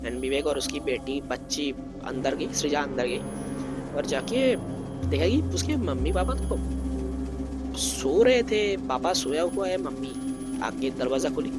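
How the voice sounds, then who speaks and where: A man narrates a horror story in a relaxed, chatty way, mixing Hindi with English phrases. His voice sits a little high, and loud music plays under the whole recording. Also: a little slow. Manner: informal Hindi mixed with English, acts out family dialogue.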